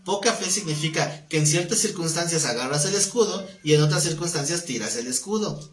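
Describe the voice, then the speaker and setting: A man's voice: on the high side, animated, fairly quick. A man teaching a live-streamed Bible class in a conversational way, often asking his listeners questions. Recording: roomy sound with faint background noise.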